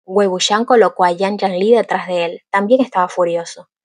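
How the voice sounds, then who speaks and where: A woman narrating an audiobook of a fantasy novel in a steady, even storytelling manner. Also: medium pitch, normal speed, no room sound, clean studio sound.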